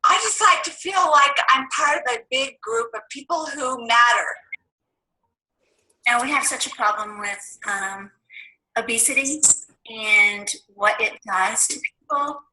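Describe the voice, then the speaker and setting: A woman's voice: fairly high pitch, unhurried, pushed and bright, slight background noise, poor audio. An earnest woman in her fifties sharing a heartfelt testimonial about coaching. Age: 50s. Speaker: HR manager.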